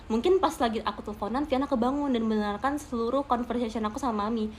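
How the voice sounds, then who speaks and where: A woman's voice: on the high side, fast, a little mellow, slight background noise. A young woman chatting casually on a livestream to her fans, laughing often and appealing to viewers with emphatic asides. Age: young adult. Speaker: idol streaming to fans.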